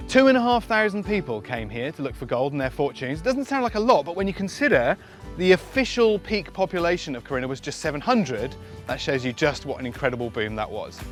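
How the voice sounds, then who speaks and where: A man's voice: a little high, lively intonation, brisk, soft background music. A man with an Australian accent presenting a travel vlog, moving between narration and casual chat with a wry, jokey, understated humour.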